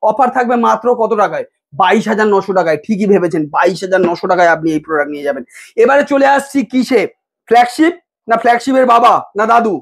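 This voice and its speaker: Man from West Bengal, very high pitch, fast hawking salesman patter with playful price teases. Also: expressive. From West Bengal, India. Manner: hawking, teasing the viewer with rhetorical price questions. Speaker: phone shop salesman. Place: inside a mobile phone shop.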